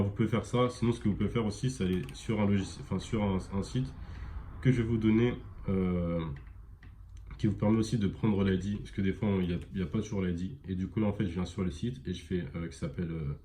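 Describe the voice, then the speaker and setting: A man giving a casual screen-recorded software tutorial, rambling with many fillers and self-corrections. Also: fairly low pitch. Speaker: e-commerce tutorial presenter.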